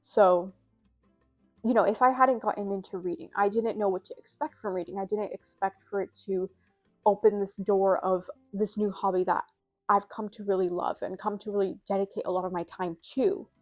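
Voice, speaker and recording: Young woman vlogger, casual and rambling, a bit breathless and scratchy, soft music underneath. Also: mid-range voice, fairly even intonation, normal speed, muffled recording. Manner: rambling, filler-heavy, self-deprecating. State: slightly out of breath, scratchy throat. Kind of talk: casual chat to camera.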